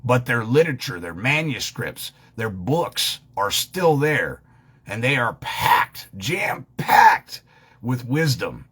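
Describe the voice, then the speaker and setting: Husky-voiced man in a profane rant. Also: medium pitch, very animated, slow pace, fairly bright tone. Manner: heated, swears freely, repeats points for emphasis. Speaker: online commentator. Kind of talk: profane ranting monologue.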